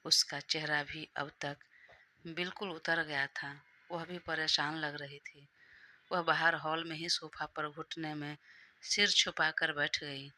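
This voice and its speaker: A woman storyteller narrates a romantic audio novel in a calm, even way. She reads slowly with a very bright, sharp timbre. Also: low voice.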